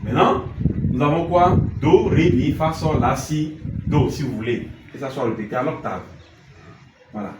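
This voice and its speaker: Speaking at a moderate pace in a medium pitch, this male teacher runs a music class, answering his own questions and singing scales by note name. Heavy noise, a distant microphone and an echoey room mark the recording.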